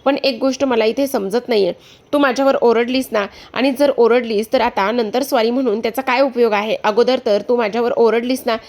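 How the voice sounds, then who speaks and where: A woman's voice: fairly high pitch, steady tone, brisk, a little mellow, natural voice. A woman voicing a defiant, sulky younger sister in a retold serial story, in her own voice.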